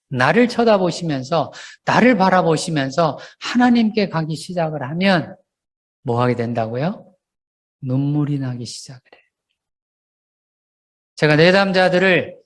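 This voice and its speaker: A man in his sixties who is a pastor and counselor, preaching a sermon in church. He asks the congregation rhetorical questions and builds points through repetition. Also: on the high side.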